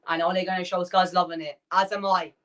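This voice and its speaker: A man hosting a fan watchalong, calling the match player by player in quick bursts and chatting with his viewers between the action. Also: high voice, flat delivery, a bit bright. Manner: rapid player-by-player calls, chatty asides to viewers. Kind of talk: live play-by-play fan commentary.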